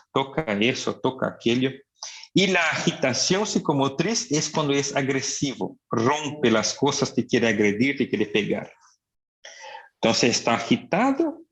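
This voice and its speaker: A man teaching a psychiatry class, explaining slowly and asking rhetorical questions. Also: mid-range voice. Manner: acts out patients' speech. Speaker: psychiatry lecturer. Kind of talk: lecture. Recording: dull lo-fi recording.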